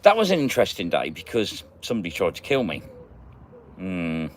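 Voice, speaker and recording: A man with a low voice and wildly swooping pitch hosts a casual magnet fishing livestream, talking fairly quickly. He chats and greets viewers by name as he reads their comments, with a little hiss or hum in the audio.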